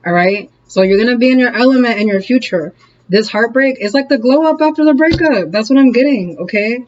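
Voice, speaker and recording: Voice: mid-range voice, expressive, brisk. Tarot reader, casual and encouraging, keeps checking in with viewers; muffled home recording with light hiss. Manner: chatty, keeps checking in with "okay?" and "all right?"; laughs often, encouraging and direct. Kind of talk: casual tarot reading to camera.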